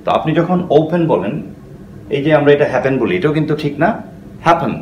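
A man's voice: fairly high pitch, expressive, fast talker, darkish tone, roomy sound, slight background noise. A man gives a patient English lesson, often checking in with "okay?" and mixing English phrases into his explanations. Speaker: English teacher.

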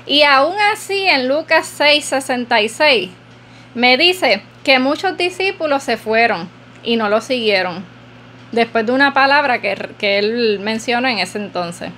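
A woman's voice: on the high side, expressive, unhurried, bright, forceful tone, slight background noise. A woman podcast host giving an earnest, preacherly devotional talk, repeating phrases for emphasis.

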